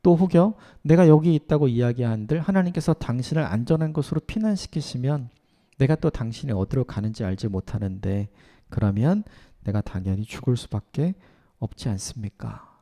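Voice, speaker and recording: A man's voice: medium pitch, lively intonation, moderate pace. A man preaching a dawn sermon as a pastor, reflective and now and then acting out the lines of the people in the passage. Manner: reflective, acts out quoted lines in softer voice. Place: church at dawn service.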